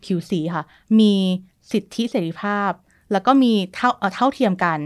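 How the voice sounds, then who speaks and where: A woman's voice: mid-range voice, normal speed. A woman born in the United States and a native English speaker, chatting casually as a guest and explaining history, easily mixing English terms into her speech.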